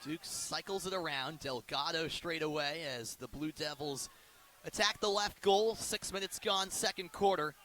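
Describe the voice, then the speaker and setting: A man with a fairly high, sharp-toned voice at normal speed does live radio sports commentary outdoors at a ballpark or field. Describing every play in detail, he lifts his intensity for the big ones, with faint background noise from the live broadcast.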